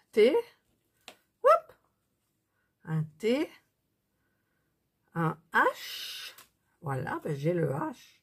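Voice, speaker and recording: A woman's voice: medium pitch, slightly rough. A woman chatting casually through a craft tutorial, thinking aloud as she works. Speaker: craft vlogger.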